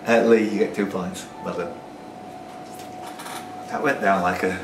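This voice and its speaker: Low-voiced and fairly even in intonation, this older quizmaster of about 60s reads pub quiz questions at a measured pace and banters with the players. The indoor pub sound is echoey, with a distant mic, music and background noise.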